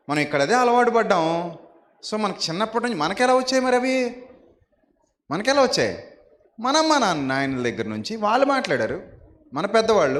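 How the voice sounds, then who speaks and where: Male pastor from the Godavari region, sermon delivery, pitched a little high, repeats and questions the room constantly. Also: fairly bright tone. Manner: repeats himself and fires rhetorical questions at the congregation.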